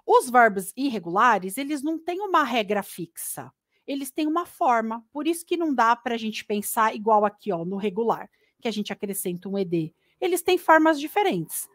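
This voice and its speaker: A woman with a Brazilian accent giving a live online English lesson, chatty and lively, mixing English words into her Portuguese. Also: a little high, moderate pace, dry recording, studio quality. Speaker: English teacher. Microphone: computer mic on a live stream.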